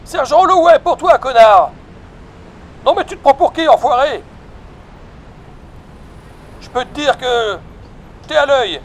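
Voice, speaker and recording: A man's voice: very high-pitched, lively intonation, unhurried, pauses often, a little hiss or hum, pitched above the performer's own voice. A man voicing a foul-mouthed, bullying police sergeant in a video game, barking orders like a drill sergeant. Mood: angry, threatening. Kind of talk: acted video game dialogue.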